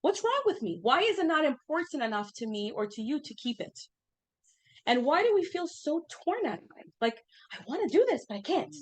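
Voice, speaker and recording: A woman in her thirties leads a small class in a slightly high voice, chatting loosely and tossing questions to the group. She leans on fillers as she talks, keeping things relaxed and conversational. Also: moderate pace. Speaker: class teacher. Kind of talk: informal class lesson.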